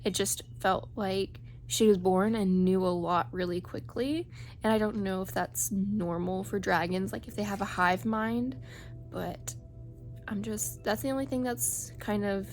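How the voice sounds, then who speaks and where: A woman's voice: medium pitch, fairly even intonation, measured pace, faint music behind. A woman giving a casual, chatty solo book review as a reading vlogger.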